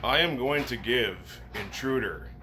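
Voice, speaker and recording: A man's voice: medium pitch, unhurried. A man giving a casual, enthusiastic movie review with some swearing. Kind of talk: casual film review to camera. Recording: noticeable background noise.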